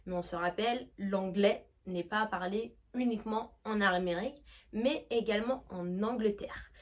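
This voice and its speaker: A woman's voice: medium pitch, normal speed. A young woman from France, an English teacher, explaining to camera and often checking in with her viewers. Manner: lively, checks in often with "d'accord?".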